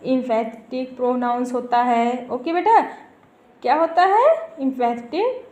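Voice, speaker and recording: A woman's voice: high voice, unhurried, darkish tone. A woman teacher explaining grammar to her students, repeating each term and checking that they follow. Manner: calls students "beta", repeats terms, checks understanding. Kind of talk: grammar lesson. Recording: echoey room.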